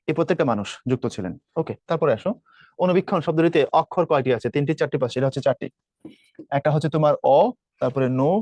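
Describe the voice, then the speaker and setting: A man tutoring students through exam questions, explaining briskly and asking rhetorical questions as he goes. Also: on the high side, a little mellow, no room sound. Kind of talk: spoken lesson solving exam questions.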